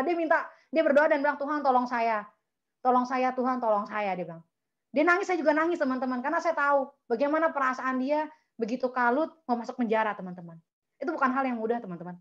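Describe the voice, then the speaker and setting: Woman, testimony talk, rapid, fairly high voice, dull lo-fi sound. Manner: chatty, emphatic, often addresses listeners as friends. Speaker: speaker at a prayer meeting.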